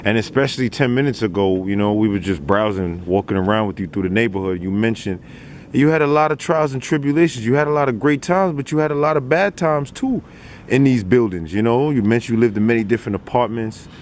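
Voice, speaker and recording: Outdoors in a city neighborhood, a man interviews a rapper, his mid-range voice moving fast over slight background noise. His questions ramble at length, full of repeated "like" and "you know."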